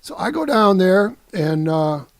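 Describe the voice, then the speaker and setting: A Detroit-area man in his sixties tells a story as a guest musician in a loose, animated way, laughing along as he goes. His voice sits on the high side with a gravelly edge. The sound is dry and close, with no room echo. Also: a little slow. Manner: animated, laughs often, peppers speech with "man" and "you know". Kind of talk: casual storytelling anecdote.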